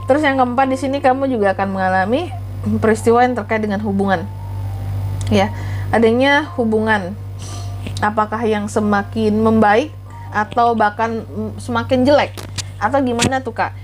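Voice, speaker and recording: A woman's voice: on the high side, normal speed, long pauses, soft background music, poor audio. An Indonesian woman with a congested, blocked-nose voice from a cold, chatting through a tarot reading as host and often adding questioning tags. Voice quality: congested, stuffy-nosed voice from a cold. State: has flu with blocked nose and sore throat, clearing throat. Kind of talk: casual tarot reading narration.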